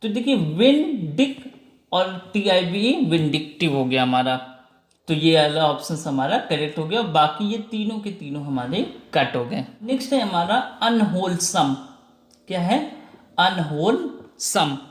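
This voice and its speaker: A man's voice: fairly high pitch, lively intonation, a little slow. A man teaching an exam vocabulary lesson, spelling words out letter by letter and answering his own questions. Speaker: English teacher. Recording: echoey room.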